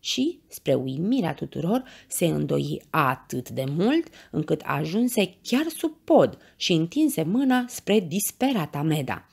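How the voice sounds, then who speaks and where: A woman reads a bedtime story to children in a low, husky voice with a gravelly edge. Her narration is expressive and very animated, her pitch swings widely, and she barely pauses, all in a darkish tone.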